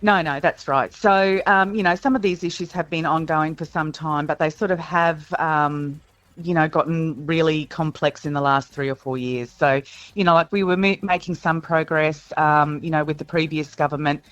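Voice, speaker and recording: A woman's voice: low voice, steady tone, normal speed, dry recording, lo-fi sound. Hesitant Australian woman, union leader on air. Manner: hesitant, full of "you know" and "um". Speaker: teachers union president, radio guest. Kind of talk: radio interview answers.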